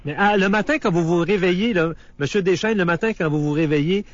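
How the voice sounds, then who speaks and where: A man's voice: high voice, a little fast, dry recording. A man hosting a radio interview, asking friendly conversational questions. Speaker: radio host. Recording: dull, dry studio sound.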